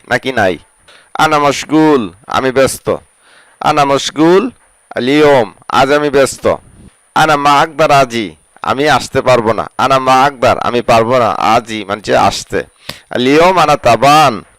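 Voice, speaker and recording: A man teaching a word-by-word language lesson, slowly repeating each word and its meaning. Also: medium pitch, fairly bright tone, no room sound, rough recording. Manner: slow, repetitive drilling of words and their meanings.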